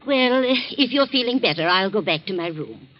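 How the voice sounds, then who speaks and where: An actress playing a concerned older housekeeper who speaks in a calm, soothing way in 1940s radio acting. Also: female voice, mid-range voice, fairly quick, muffled recording, natural voice. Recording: scratchy 1940s radio recording.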